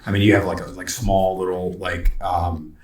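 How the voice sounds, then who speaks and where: A very low-voiced man narrates as game master, describing scenes in loose, casual phrases full of fillers. The sound is roomy and echoey, with the speaker set back from the microphone. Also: flat delivery, moderate pace, slight background noise. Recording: echoey room, distant from mic.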